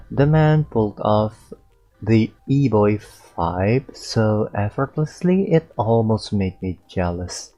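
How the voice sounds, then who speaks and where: Slow, mellow male game streamer. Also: fairly low pitch, poor audio. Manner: slow, halting reading with stumbles and fillers. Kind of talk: reading a story game aloud on stream.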